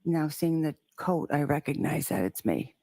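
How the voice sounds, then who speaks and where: Low gravelly woman witness, courtroom recording. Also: lively intonation, moderate pace, mellow. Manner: brief, hesitant answers. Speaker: trial witness. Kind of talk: witness testimony.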